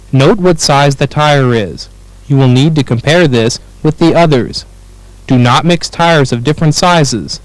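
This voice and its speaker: Clear, measured narration for a training film comes from an American man reading from a script. His mid-range voice has no echo around it, though the audio is poor.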